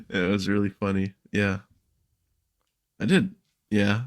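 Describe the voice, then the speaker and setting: A young man talking as a podcast guest, telling stories in a relaxed way with lots of fillers and restarts. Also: fairly low pitch, takes it slowly, slight background noise. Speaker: podcast guest, Minecraft creator. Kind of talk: casual podcast chat.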